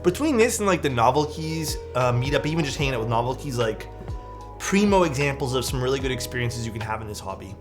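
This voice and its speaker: Talking quickly at a medium pitch, a young livestreamer from Canada rambles excitedly through chat messages in his room at home, filling his speech with "like" and "dude." Background music plays under his voice throughout.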